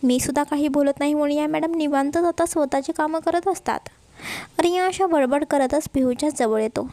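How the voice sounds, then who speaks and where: Woman narrating a love story, high voice with some gravel, chatty with listeners. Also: moderate pace, mellow, no echo.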